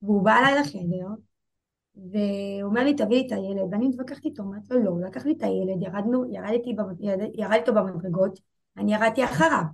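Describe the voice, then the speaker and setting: Young woman telling a hard story. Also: mid-range voice. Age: 20s. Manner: halting, repeats herself, voices rise and fall with emotion. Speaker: guest. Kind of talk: emotional personal interview.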